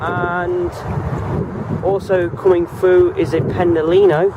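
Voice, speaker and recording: High-voiced Englishman commentating on a noisy platform. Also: flat delivery, slow, phone-quality sound. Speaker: trainspotting vlogger. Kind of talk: casual running commentary on passing trains. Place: outdoor railway station platform. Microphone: handheld camera or phone. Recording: very noisy outdoor station platform. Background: trains and traffic rumble.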